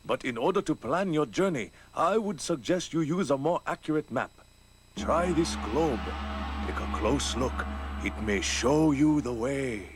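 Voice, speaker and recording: Casting: a calm, helpful sushi chef, slightly high voice. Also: male voice, a little slow, faint music behind. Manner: calm, instructive.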